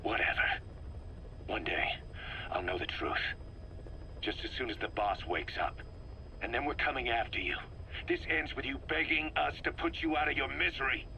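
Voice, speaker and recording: In dramatic video game voice acting, a man plays a bitter, suspicious soldier hurling accusations at someone. His medium-pitched voice is creaky, bright and forceful, at normal speed with frequent pauses. The low-quality, tape-recorded audio carries faint noise.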